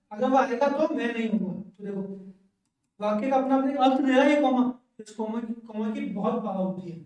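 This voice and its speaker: A male English teacher lectures at the board, repeatedly questioning the class and checking in with "okay". His voice is very high and slightly mellow. The mic is far away in a very echoey room.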